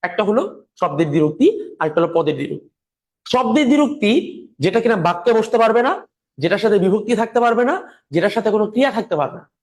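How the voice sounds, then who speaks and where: A man teaching a grammar lecture slowly and patiently, repeating his examples while speaking through a sore throat. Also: high voice, expressive.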